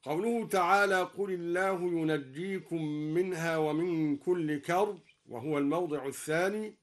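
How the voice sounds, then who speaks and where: A man teaching Quran reading variants, moving between plain spoken explanation and slow melodic recitation, from a radio broadcast. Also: fairly high pitch. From Egypt.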